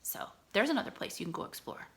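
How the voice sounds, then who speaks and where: A woman reads aloud to children in a teacherly way, enunciating deliberately and explaining words simply as she goes.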